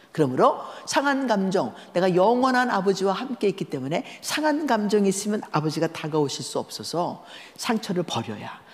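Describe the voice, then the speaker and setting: In an echoey church hall, a woman with a fairly low voice gives a storytelling sermon as a guest lecturer at a church seminar held in a large sanctuary. She talks in a lively, conversational way and asks the audience questions.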